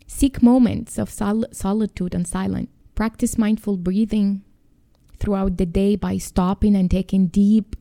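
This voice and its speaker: With a gravelly, medium-pitched voice, this woman gently steers a calm mindfulness and grounding practice. She is a coach and podcast host, and her instructions come out in a halting manner.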